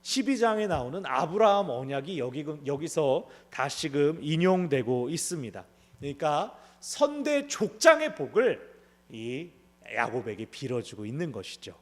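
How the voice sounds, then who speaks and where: A man pastor with a fairly high voice preaches an expository sermon, and his pitch swings widely as he goes. He talks to the congregation conversationally and keeps asking them rhetorical questions. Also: very animated, moderate pace. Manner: acts out the biblical characters' lines in dramatized voices.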